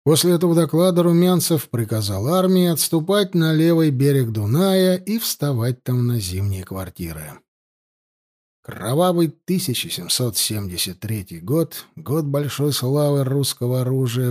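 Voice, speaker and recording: A man reading an audiobook in scripted narration, dramatic and slowing down for emphasis. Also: mid-range voice, lively intonation, a little mellow.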